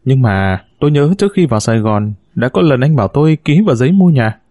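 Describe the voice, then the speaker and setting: A man's voice: mid-range voice, animated, fast, warm tone, no room sound, close to an everyday voice. A shrewd, suspicious village wife, as a male narrator puts her on. She speaks sharply and mockingly, doubting everything her husband says. It is a storybook reading with a dry, close sound.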